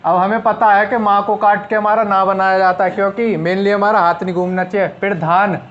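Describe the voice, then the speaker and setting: A young man teaches a shorthand lesson in a fairly high voice, talking through each stroke step by step. He asks his class questions and answers them himself. The recording sounds dull and lo-fi. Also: little pitch movement, normal speed.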